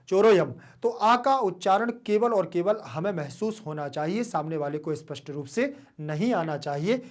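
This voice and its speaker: A woman teacher giving an online grammar lesson, repeating key words and asking students quick questions. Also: fairly low pitch, darkish tone.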